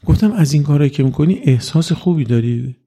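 A man giving an informal religious talk to an audience, speaking conversationally and acting out quoted exchanges with sudden jumps in pitch. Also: lively intonation, dark tone, husky. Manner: conversational, acts out quoted dialogue with rising pitch. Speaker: religious lecturer.

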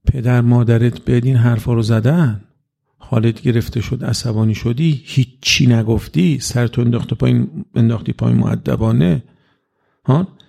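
A man giving an informal religious talk to an audience, speaking conversationally and acting out quoted exchanges with sudden jumps in pitch. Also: steady tone, gravelly, dark tone. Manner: conversational, acts out quoted dialogue with rising pitch. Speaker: religious lecturer.

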